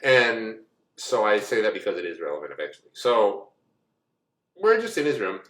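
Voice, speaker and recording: A man's voice: fairly low pitch, wildly swooping pitch, normal speed, fairly bright tone. A man in his forties from the United States, telling a personal story in a rambling, casual way with many asides. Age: 40s. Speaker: co-host. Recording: echoey room.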